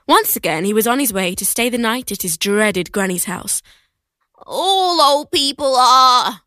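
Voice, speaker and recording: A woman reading excerpts from several children's and teen books aloud, with expressive, animated storytelling. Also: mid-range voice, moderate pace, no room sound. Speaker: reader.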